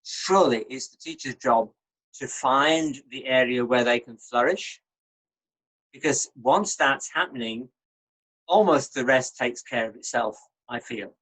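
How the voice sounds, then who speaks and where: An older man, giving an online lecture in a measured, encouraging, teacherly way. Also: medium pitch, a bit bright, low-quality recording. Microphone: video call.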